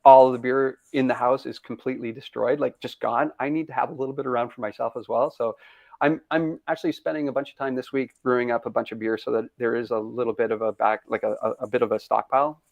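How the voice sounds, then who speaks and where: A brewery founder chatting casually in an interview, upbeat and rambling, laughing often, over a video call. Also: male voice, mid-range voice, fairly even intonation, quick pace, gravelly, no room sound. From Canada. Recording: dull lo-fi video call audio.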